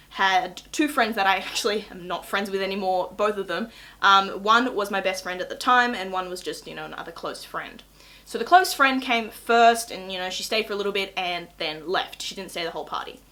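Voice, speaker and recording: A nineteen-year-old Australian woman telling a casual storytime to camera in a chatty, gossipy, excitable way with dramatic emphasis. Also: mid-range voice. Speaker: YouTube vlogger.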